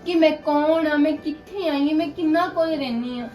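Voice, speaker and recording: An actress playing a young adult daughter who gently consoles her mother. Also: high voice, a little fast, faint music behind, natural voice. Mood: consoling. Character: young daughter returning home after hardship.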